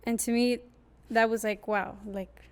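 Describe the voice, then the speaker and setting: A young woman hosting a podcast in casual chat, telling a story in a lively way and acting out quoted lines. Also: a little high, unhurried, clean tone.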